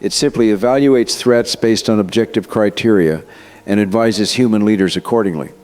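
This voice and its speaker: This fairly low-pitched man, with a darkish tone and normal pace, lightly acts as an interviewed expert in an audio drama. His character is the confident, earnest scientist behind an AI system, and he explains himself with assured persuasiveness.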